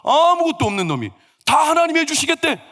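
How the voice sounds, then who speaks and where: A man voicing a gruff older father-in-law who blurts out short, exasperated outbursts. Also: high-pitched, huge pitch swings, racing, pitched above the performer's own voice, heavily acted. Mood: indignant.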